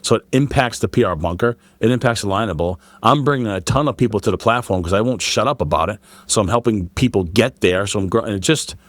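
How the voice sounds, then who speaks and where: A middle-aged man with a Boston accent, a guest telling stories in an energetic, salesy way in a casual interview. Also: on the low side, no room sound. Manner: fast, energetic, salesy storytelling. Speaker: podcast guest, PR agency founder.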